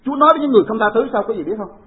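A woman's voice: on the high side, racing. A woman delivers a sermon, telling stories with animation and putting rhetorical questions to her listeners. The sound is narrow and tinny, like a phone line. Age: 40s. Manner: animated storytelling preaching with rhetorical questions to the congregation. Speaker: preacher.

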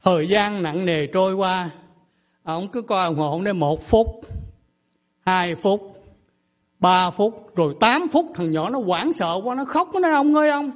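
A man's voice: sits high, animated, a little slow. A man, preaching a sermon as a pastor, telling a story and leading a prayer earnestly. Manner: earnest storytelling, acting out voices in quotes. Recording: faint mains hum.

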